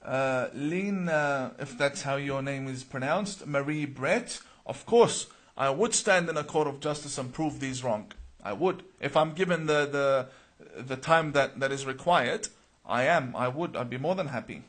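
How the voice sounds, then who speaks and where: Hosting a live question-and-answer stream, an Iraqi man reads out viewers' names and comments before answering them earnestly. He speaks in a mid-range voice at a measured pace, with frequent uh's and repeated words.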